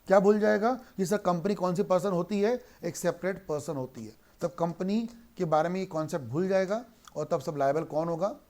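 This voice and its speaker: A man's voice: high-pitched, a little mellow. Man teaching law, asking and answering. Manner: asks questions and answers them himself, mixing Hindi and English; slows right down to read English lines aloud. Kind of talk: online lecture.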